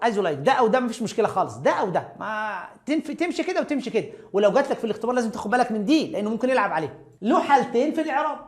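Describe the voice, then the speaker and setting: Fast-talking Egyptian woman teaching grammar. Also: a little high. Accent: Egyptian Arabic. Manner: lively and coaxing, talks straight to students. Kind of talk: casual explanatory lesson.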